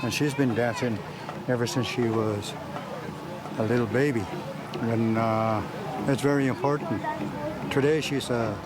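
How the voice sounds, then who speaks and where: A man with an average-pitched voice talks casually in an interview as a parent. Very loud outdoor noise sits behind his words. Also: steady tone, unhurried, pauses often.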